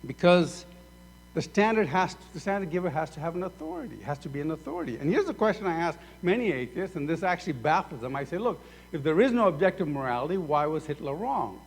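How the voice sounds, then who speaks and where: Fast and breathy-edged, a fairly high-pitched man from Sudan delivers a sermon in an echoing church sanctuary. As the pastor, he's animated, acting out both voices in imagined conversations.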